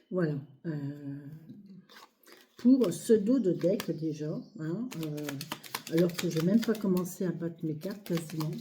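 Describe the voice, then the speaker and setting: A hoarse, short-of-breath woman speaking softly and hesitantly with many fillers as she reads cards in a casual video. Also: on the low side, lively intonation, slow, pauses often, a little hiss or hum. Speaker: card reader. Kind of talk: casual tarot reading video. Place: home, near a sleeping child, outdoor birds.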